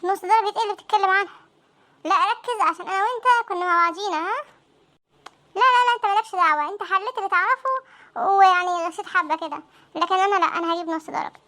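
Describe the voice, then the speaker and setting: A woman doing squeaky, frantic cartoon teens. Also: racing, sharp tone. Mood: panicky. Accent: Egyptian Arabic. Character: panicky teenage students dreading exam results. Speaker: voice actor for a comic cartoon. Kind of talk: comic cartoon dialogue.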